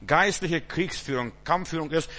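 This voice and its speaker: A man preaching a sermon, swinging between loud emphatic bursts and low quiet asides. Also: normal speed, big-room sound.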